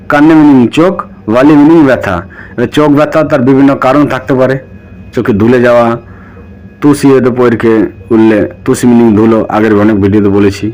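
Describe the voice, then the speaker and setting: A man's voice: mid-range voice, a little mellow. Bengali man teaching words by repetition. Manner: repeats each word, asks and answers his own questions. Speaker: language teacher. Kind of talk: spoken vocabulary lesson.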